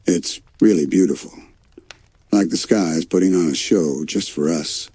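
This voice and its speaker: Guy playing a nervous sweet cartoon panda, hesitant, kinda wry, soft husky voice, bedtime story. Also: sits low, measured pace, no echo. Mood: awed. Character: timid, worrying, sweet male cartoon panda.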